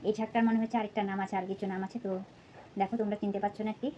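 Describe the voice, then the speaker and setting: A young woman with a Bengali accent chatting casually to her viewers while chopping vegetables at home, a little out of breath and speaking softly. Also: mid-range voice, flat delivery, rapid-fire, muffled recording, slight background noise. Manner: chatty, many fillers, addresses viewers as friends. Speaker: vlogger, mother of two. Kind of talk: casual vlog chat while cooking. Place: home kitchen.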